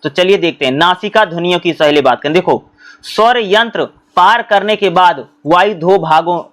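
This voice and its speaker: High-voiced man teaching an exam lesson. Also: a bit bright. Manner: asks a question and answers it himself; often repeats himself and addresses students as bhai.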